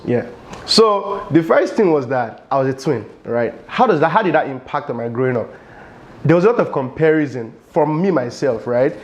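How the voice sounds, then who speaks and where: Chatty Nigerian man vlogging at home. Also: medium pitch. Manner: animated, chatty, lots of fillers. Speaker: vlogger host. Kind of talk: casual talking-head storytelling. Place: home studio room. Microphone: lapel mic.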